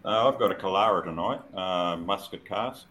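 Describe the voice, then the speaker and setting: A man's voice: low voice, moderate pace, fairly bright tone. A man chatting casually as a guest on an online call. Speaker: guest, cooper. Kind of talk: casual chat.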